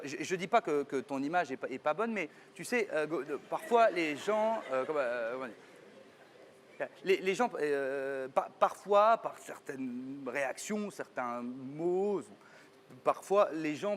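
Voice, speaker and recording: A man in a comic stage sketch who talks in a hesitant, rambling way full of restarts and breaks into furious yelling. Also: a little high, a little hiss or hum. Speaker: sketch partner who plays the show's presenter.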